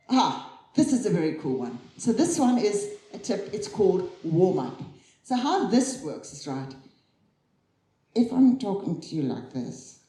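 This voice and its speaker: A woman giving a chatty conference keynote on stage, lively and quick to laugh at herself. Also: lowish voice. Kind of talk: live tech talk on stage. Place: conference hall. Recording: roomy hall sound.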